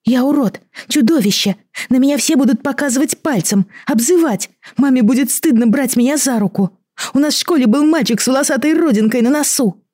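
A woman voicing a frightened young girl who has grown horns, sobbing and pleading in a high, strained voice. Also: normal speed, mellow, breathy edge, no room sound, clean studio sound, lightly acted. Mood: distraught. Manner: sobbing, pleading, rising to shrieks.

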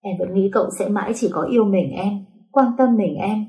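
A woman's voice: lowish voice, unhurried, darkish tone, echoey room, natural voice. A jilted young woman, bitter and near tears, pleading in a rising voice, as a woman reads her. Plaintive and wounded.

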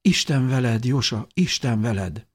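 A man reading an audiobook, voicing a gentle, sorrowful young woman who speaks softly and half whispers. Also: medium pitch, expressive, voice pushed up, close to an everyday voice. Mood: farewell. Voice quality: soft, whispery.

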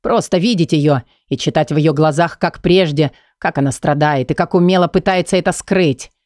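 A man narrating a dark romance audiobook in the first person, in a brooding, intense and intimate way. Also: fairly high pitch, normal speed, dry recording, studio quality. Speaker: audiobook reader.

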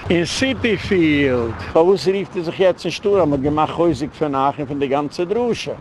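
A man's voice: a little high, expressive, normal speed, a little mellow, a little hiss or hum. A man, a rabbi, delivering a heated, rambling lecture in an emphatic way, dropping English words into his speech.

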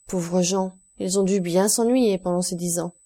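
A woman's voice: fairly low pitch, fairly even intonation, unhurried, warm tone. A woman voicing a humble, talkative male prison guide in an audiobook, speaking eagerly and deferentially. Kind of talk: audiobook character voice.

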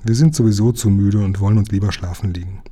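A man voicing a gruff, calm engine driver in a read-aloud children's story. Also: lowish voice. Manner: grumbling, deliberate.

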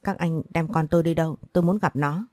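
A woman reads a frantic young mother in an audio story, pleading and lashing out in turn. The voice is low and mellow, as the narrator puts her on. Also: fast, dry recording, studio quality. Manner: pleading, accusing, stammering.

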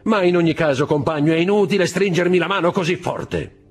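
A man reading aloud voices a calm, wry male gendarme who answers in slow, dry replies. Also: on the high side, slightly rough, soft background music, voice pushed up.

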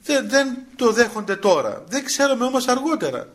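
An older Cypriot priest with a high voice talks in a homely, storytelling way. His Cypriot Greek accent colours every phrase, and he slips into colloquial asides with small chuckles. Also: sing-song. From Cyprus. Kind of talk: spiritual talk with personal story.

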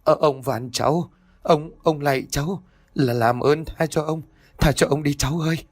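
A man's voice: a little high, takes it slowly, breathy edge, no room sound, voice pushed up. A man voicing a terrified old man who stammers and pleads. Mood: terrified pleading.

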